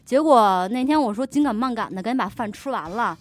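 High-voiced woman telling a lively story. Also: brisk, faint music behind. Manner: lively, animated anecdote telling. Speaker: podcast co-host. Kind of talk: casual storytelling chat.

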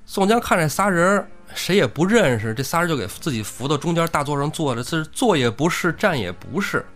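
一位男性播客主持人用生动幽默的方式讲述古典小说故事。. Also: male voice, on the high side, fairly quick, soft background music. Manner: animated, humorous retelling. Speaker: podcast co-host, storyteller. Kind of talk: lively storytelling chat.

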